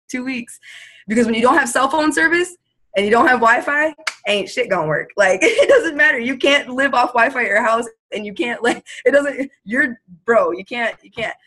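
A woman's voice: a little high, a bit bright. A young woman talking casually as a guest, emphatic and motivational, swearing now and then. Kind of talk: casual chat.

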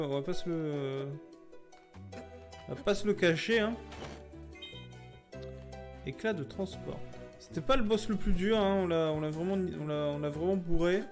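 A man's voice: high voice, darkish tone. A man hosting a let's play, giving casual, rambling, jokey commentary and reading game text aloud.

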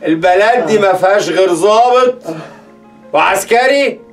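An actor with an Egyptian accent playing a menacing police officer who interrogates a prisoner, coaxing softly and then threatening harshly. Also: male voice, high voice, normal speed. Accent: Egyptian Arabic. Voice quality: switches between mock-soft coaxing and harsh threats. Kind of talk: Egyptian web drama acting. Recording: distant mic with music underneath.

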